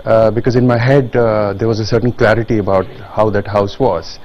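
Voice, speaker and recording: A man in his forties with a Kashmiri accent, giving reflective interview answers in a halting, measured way. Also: lowish voice, fairly even intonation, dull audio, a little hiss or hum. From Kashmir, India. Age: 40s. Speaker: interview guest, writer.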